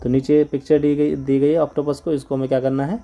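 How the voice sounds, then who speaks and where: A man's voice: a little high, little pitch movement, quick pace, dark tone. A man with an Indian accent, a Hindi-speaking teacher explaining a lesson step by step and spelling words out letter by letter.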